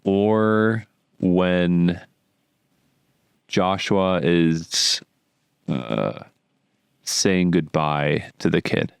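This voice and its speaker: A young man with a very deep voice chats about a movie in a slangy, blunt way, pausing on fillers as he thinks. He sounds close and dry on the mic. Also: creaky, smooth, no room sound. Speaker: podcast co-host. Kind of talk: casual movie review chat.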